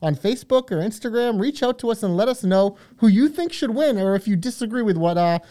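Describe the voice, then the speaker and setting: A man's voice: high-pitched, animated, brisk, dark tone. A man co-hosting a podcast in a casual style, talking with an emphatic fan's enthusiasm. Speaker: podcast co-host. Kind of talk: casual fan discussion.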